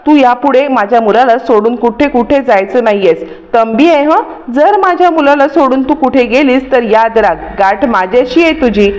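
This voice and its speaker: A fussy, doting mother from a television soap, as a woman narrator puts her on, scolding in a mock-stern, warning tone. The voice sits fairly high and is barely changed from the reader's own. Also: expressive, normal speed, hardly any pauses, darkish tone, natural voice. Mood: teasing stern.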